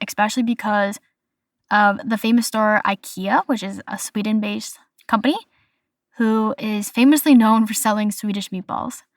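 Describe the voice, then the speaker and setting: A woman's voice: fairly high pitch, dry recording, clean studio sound. A young woman from the United States hosting a casual solo podcast, chatty and stumbling over foreign words. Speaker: podcast host. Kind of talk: casual solo podcast, listing food facts.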